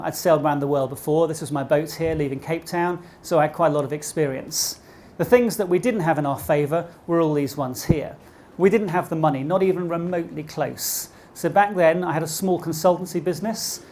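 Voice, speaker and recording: A man's voice: a little high, darkish tone. Posh British man giving a motivational talk. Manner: engages listeners with rhetorical questions. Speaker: keynote speaker. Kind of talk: motivational business talk to a live audience. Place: speaking live at an event before an audience.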